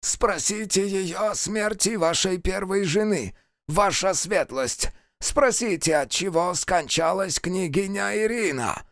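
A man playing a cunning male ambassador in an audiobook, speaking in a hoarse, quiet, insinuating voice. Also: high-pitched, takes it slowly, no room sound, studio quality, pitched above the performer's own voice, exaggerated voice. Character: cunning male foreign ambassador, pinned and choking.

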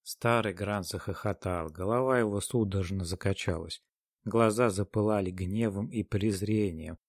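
Male storyteller, very deep voice, dry studio reading. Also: moderate pace, dry recording. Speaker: narrator. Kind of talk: dramatic audiobook reading.

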